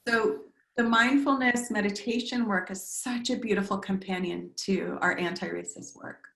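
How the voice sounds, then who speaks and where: A woman meditation teacher speaking gently and reflectively, in a voice of middle pitch. She slows down to list words one after another. The recording has a roomy echo. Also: vocal fry. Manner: gentle, reflective, lists words in slow cadences. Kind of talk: teaching talk on a video call.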